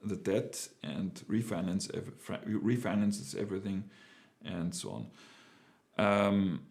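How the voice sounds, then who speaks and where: A German-accented man in middle age takes his time relating his business experience, casual and hesitant with many fillers and restarts. He has a low, gravelly voice that's a little mellow.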